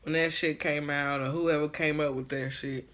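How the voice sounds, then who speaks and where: A man's voice: a little high, little pitch movement, moderate pace, fairly bright tone. A man chatting casually to viewers in a slangy, laid-back way while eating, chewing as he talks. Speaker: mukbang vlogger.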